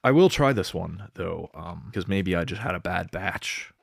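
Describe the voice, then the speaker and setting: A young man telling a rambling comedic story to camera, deadpan, with lots of fillers and swearing. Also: deep voice, a little slow, creaky, dry recording, clean studio sound. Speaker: vlogger.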